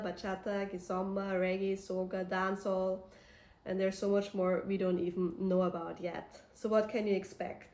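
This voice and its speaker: A woman's voice: mid-range voice, a little mellow, reverberant. A young woman from Austria, introducing her vlog channel in an earnest, enthusiastic way. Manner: earnest, enthusiastic, list-like delivery. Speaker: content creator.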